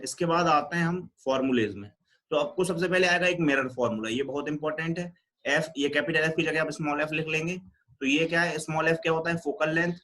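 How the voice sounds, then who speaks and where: A young man with an Indian accent teaching a science lesson, mixing Hindi and English and slowly repeating key rules as he quizzes the class. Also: a little high, bright, forceful tone.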